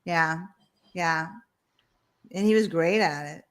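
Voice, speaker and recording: A woman's voice: sits low, slow. A woman hosting an interview, chatting casually and asking the guest curious questions. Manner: curious, asks probing questions. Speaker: host.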